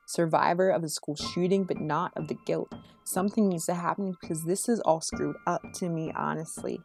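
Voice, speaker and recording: Woman performing earnest slam poetry, mellow voice. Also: on the low side. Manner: earnest, rhythmic rhyming delivery in measured phrases. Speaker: spoken word poet. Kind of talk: spoken word slam poetry.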